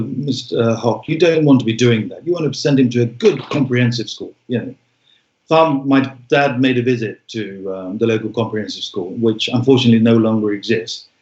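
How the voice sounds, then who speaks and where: A man in his forties, born in Bangladesh, speaking as an interview guest in a reflective way, with frequent pauses and restarts. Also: medium pitch, a little mellow. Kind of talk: interview conversation. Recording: echoey room, dull sound.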